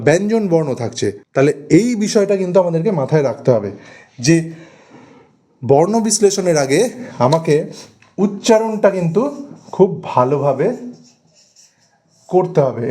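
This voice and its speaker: Mellow-voiced man teaching grammar slowly. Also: fairly high pitch. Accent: West Bengal Bengali. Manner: slow, deliberate, repeats and stretches example words. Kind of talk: exam-prep grammar lesson.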